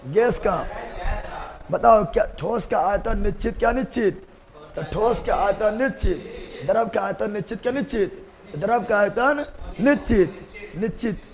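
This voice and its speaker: Gravelly high-voiced teacher drilling. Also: male voice, poor audio. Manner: repeats answers in a sing-song drill, asks and answers himself. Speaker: chemistry teacher. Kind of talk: live online class, call-and-response drilling.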